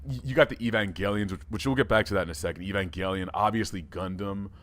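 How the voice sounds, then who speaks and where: A man's voice: lowish voice, fast talker, close to an everyday voice. A man as a red alien late-show host. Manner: playful, rambling, animated. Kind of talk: comedic podcast talk.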